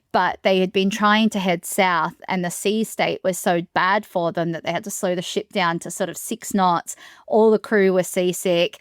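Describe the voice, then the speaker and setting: A woman who is a solo sailor, telling the story of her ordeal in an interview in a steady, matter-of-fact way. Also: fairly low pitch, clean tone, no echo, studio quality.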